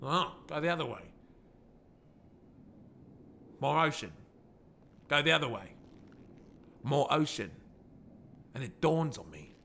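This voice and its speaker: Man, raised pitch, gravelly, animated storytelling, swearing, shouty bursts. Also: unhurried, pauses often. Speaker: roleplay character telling a story.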